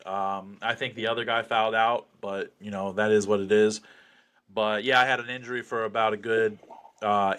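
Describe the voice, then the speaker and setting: A man's voice: on the low side, bright, forceful tone. A man being interviewed as a fighter, chatting casually with cocky, sweary bravado.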